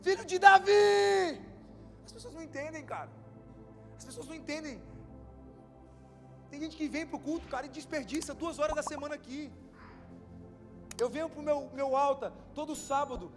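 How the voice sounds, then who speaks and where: A young Brazilian man with a Brazilian Portuguese accent, preaching an impassioned sermon that builds to shouts. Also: extremely high pitch, a little fast, pauses often. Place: church hall. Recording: live church hall with reverb and keyboard music.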